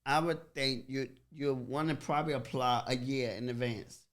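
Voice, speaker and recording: A man's voice: medium pitch, steady tone, moderate pace, fairly bright tone. A man co-hosting a podcast in casual chat, echoing his wife's words and laughing often. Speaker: podcast co-host.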